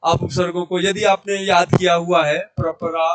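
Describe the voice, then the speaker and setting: A man with a Rajasthani Hindi accent teaching an online Hindi lesson, drilling syllables slowly and with emphasis. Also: sits high, level tone, smooth.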